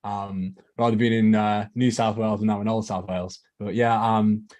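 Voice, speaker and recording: A man's voice: fairly low pitch, flat delivery, moderate pace, a little mellow. A man from Brisbane, giving casual, conversational comments as a panel reviewer. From Brisbane, Australia. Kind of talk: casual chat.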